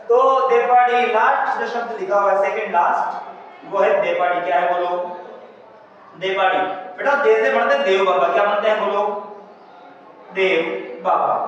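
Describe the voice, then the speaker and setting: High-voiced teacher in an echoey classroom. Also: male voice, a bit bright, a little hiss or hum. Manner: call-and-response questioning, addressing students as beta. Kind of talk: classroom exam-prep lesson. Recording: echoey room from far off, dull lo-fi sound.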